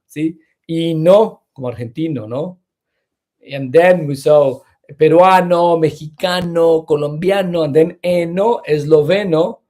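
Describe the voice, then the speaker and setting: Guy teaching spanish, talks real slow, voice kinda high, flips into english a lot. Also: darkish tone. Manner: switches between Spanish and English, greets viewers by name, slow model pronunciations. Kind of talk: bilingual language lesson.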